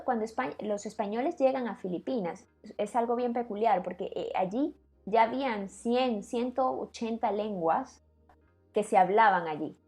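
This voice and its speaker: A woman's voice: on the high side, darkish tone. A woman co-hosting a casual podcast chat, explaining words patiently and laughing easily. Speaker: co-host explaining language.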